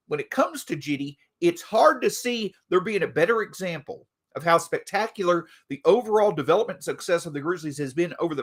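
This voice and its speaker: Animated male sports podcast host. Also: high-pitched. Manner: animated, reads an ad mid-show. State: a bit stuffy from allergies. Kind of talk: solo sports podcast commentary.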